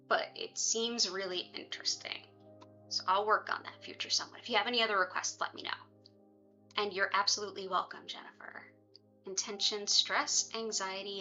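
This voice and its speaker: Bright-voiced woman chatting on a livestream. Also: mid-range voice, lo-fi sound. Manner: conversational, chatty asides to viewers. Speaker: livestream host and reiki practitioner. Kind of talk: casual livestream chat with viewers.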